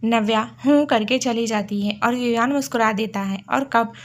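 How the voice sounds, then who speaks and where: A woman tells a scripted romantic story in a steady, expressive way. Her voice sits a little high. She moves the tale along in even narration. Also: moderate pace.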